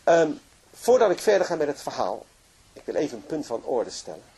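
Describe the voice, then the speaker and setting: A man's voice: fairly high pitch, very animated, brisk, vocal fry, mellow, husky. A man telling a moving story in a religious lecture, narrating with emotion and frequent restarts. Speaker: religious speaker.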